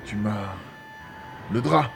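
Man doing an aging chancellor, stammering, panicked, slow, mid-pitched, audio drama. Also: creaky, music in the background. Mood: stunned. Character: aging chancellor, terrified and pleading.

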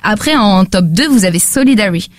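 A woman's voice: fairly high pitch, a little fast, dry recording, clean studio sound. A woman presenting her podcast pick in a casual French chat, chatty and full of fillers. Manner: chatty, animated, many fillers. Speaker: podcast reviewer.

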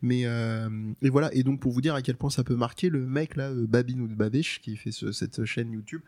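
A man with a slightly husky voice talks on a podcast in a playful, theatrical way. His pitch is middling and he clearly enjoys performing for the others. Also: normal speed, a little mellow. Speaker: podcaster guest. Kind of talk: casual chat.

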